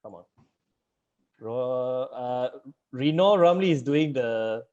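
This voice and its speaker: Slow and expressive, with a dark tone and mid-range pitch, the man hosts a student townhall online. The video call audio is muffled, and he rambles chattily, laughing often and using lots of fillers.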